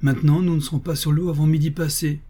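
A man's voice: fairly high pitch, little pitch movement, quick pace, warm tone, voice pushed up, lightly acted. A man reading aloud voices a rude, quarrelsome young man in the story. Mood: grumbling.

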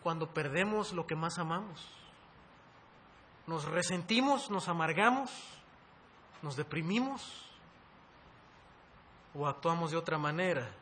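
A man preaching a sermon, who rises to loud, intense emphasis and calls his listeners brothers. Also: animated, measured pace, pauses often, slight background noise. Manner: rising to loud, high-pitched emphasis, addresses listeners as brothers.

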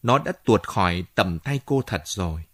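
Man reading a story with lively intonation. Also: sits low, normal speed, no echo, studio quality. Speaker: narrator.

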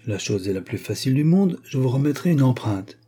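A man's voice: medium pitch, sing-song, fairly quick, mellow, breathy edge, voice pushed up. A man reading an audiobook and voicing a polite, scheming middle-aged male manservant who speaks in a formal, composed way. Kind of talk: audiobook character voice.

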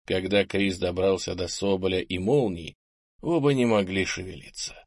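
A man reading an audiobook in scripted narration, steady and even. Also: deep voice, moderate pace, no room sound, studio quality.

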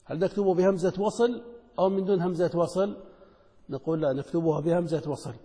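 A man teaching a lesson in a measured, explanatory way, posing questions and answering them himself. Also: sits high, warm tone. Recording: long hall reverb.

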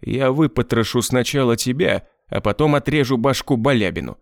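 A man's voice: mid-range voice, lively intonation, moderate pace, vocal fry, dry recording, clean studio sound. A man voicing a hardened male killer who talks in curt, clipped lines. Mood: menacing.

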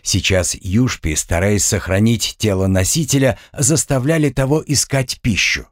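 A man narrating an audiobook with expressive storytelling. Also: fairly low pitch, normal speed, no room sound, studio quality. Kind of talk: scripted narration.

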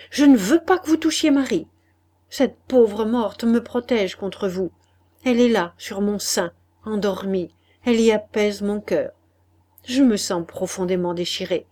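A woman's voice: medium pitch, mellow. A woman reading an audiobook, voicing a heartbroken young lover who accuses in a raised, trembling voice.

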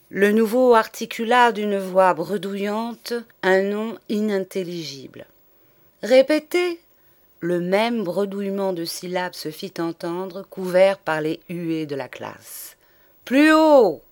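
A woman reads a classic novel aloud as audiobook narration. Her delivery is measured and expressive, with a dramatic lilt that rises and falls through the long sentences. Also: on the low side. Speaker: audiobook reader.

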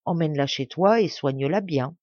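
A woman voicing a kind, pious old man in a storybook, speaking with fatherly warmth. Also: sits low, moderate pace, dry recording, dull audio.

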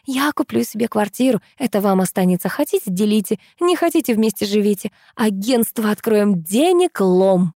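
A woman's voice: medium pitch, lively intonation, normal speed, hardly any pauses, dark tone, dry recording, studio quality. A woman voicing a feverish, secretive young woman in an audiobook. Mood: excited. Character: excited scheming young woman.

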